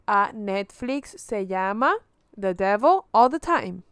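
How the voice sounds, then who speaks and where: A woman co-hosting a podcast in casual chat, teasing and quick with jokes. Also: mid-range voice, expressive, a bit bright, clean tone, dry recording, studio quality. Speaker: podcast co-host.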